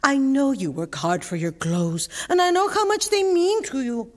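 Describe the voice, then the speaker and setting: A woman's voice: high voice, animated, normal speed. A woman playing a loving, teasing middle-aged mother with a Mexican accent, fussing over her family. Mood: fretting, affectionate.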